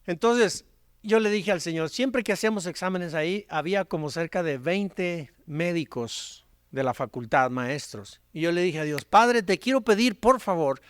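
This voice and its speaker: A middle-aged male pastor with a Mexican Spanish accent, preaching a storytelling sermon that swings from loud, animated peaks to hushed, quiet passages. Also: fairly high pitch, moderate pace, clear, resonant tone, no echo.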